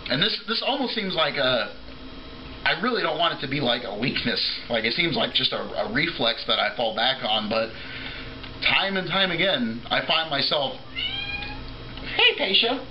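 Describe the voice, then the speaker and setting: A man with a very bright, forceful voice rants off the cuff like a tipsy video blogger. He rambles, breaks off, restarts and swears freely. There is a faint layer of background noise on the recording. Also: mid-range voice, expressive, moderate pace, lo-fi sound. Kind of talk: rambling off-the-cuff opinion rant to camera.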